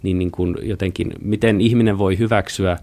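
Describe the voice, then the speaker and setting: A man's voice: low-pitched, fairly even intonation, a little mellow. A man talking casually and hesitantly in an interview, with colloquial fillers and restarts. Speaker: author.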